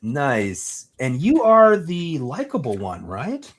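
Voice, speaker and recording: A man's voice: fairly high pitch, huge pitch swings, takes it slowly. A man narrating as game master in a casual, rambling way with many fillers.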